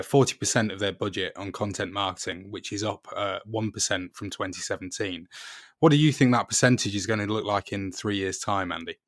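A man hosting a podcast who asks long, winding questions, restarting himself as he goes. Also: fairly low pitch. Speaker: podcast host. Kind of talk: interview questions.

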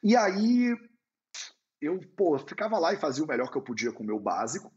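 A man answering viewers' questions on a live stream, with a slightly high voice and a pitch that rises and falls freely. He speaks like a slangy storyteller. The audio is muffled and lo-fi. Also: normal speed. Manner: animated storyteller, slangy and conversational. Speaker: Ayurveda teacher hosting a live stream. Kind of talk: casual live-stream Q&A talk. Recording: dull lo-fi sound.

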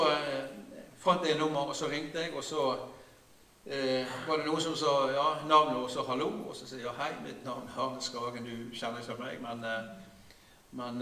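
A man, preaching a sermon in a conversational way, with frequent hesitations and often sinking into a quiet, low voice. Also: reverberant, far from the mic. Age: 60s. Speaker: pastor.

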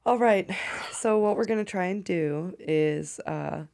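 Kentucky woman, podcast host, deep with vocal fry, chatty and loose. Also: measured pace, dark tone. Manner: chatty, laughs often, rambling. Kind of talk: casual chat.

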